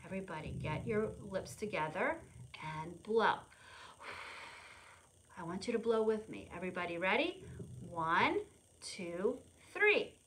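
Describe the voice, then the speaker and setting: At a public library, a preschool storytime presenter leads a lesson for small children, demonstrating for young viewers at home, using simple repeated phrases and inviting them to join in while referring to herself in the third person. Her medium-pitched voice is a bit bright with lively intonation, unhurried delivery, and long pauses. The low-quality recording carries slight background noise.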